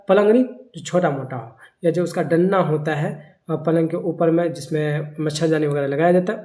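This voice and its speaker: Teacher, mid pitch, keeps asking "what is it?" then answers it. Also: a little mellow. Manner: keeps asking rhetorical questions and answering them himself; repeats key terms slowly for emphasis. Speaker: Urdu grammar teacher. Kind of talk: classroom-style grammar lecture.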